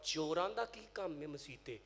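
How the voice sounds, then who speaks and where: Dramatic high-voiced Punjabi preacher. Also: male voice, expressive, normal speed. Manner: dramatic, shifts from hushed telling to loud shouted climaxes. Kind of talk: Punjabi religious sermon with storytelling.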